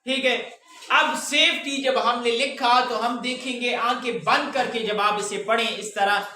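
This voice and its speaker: A man's voice: very high-pitched, fairly even intonation, unhurried, sharp tone, a little hiss or hum. A man teaching a pronunciation lesson to a class, stretching words out syllable by syllable and quizzing the students. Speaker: English teacher. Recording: very echoey room, voice from far off.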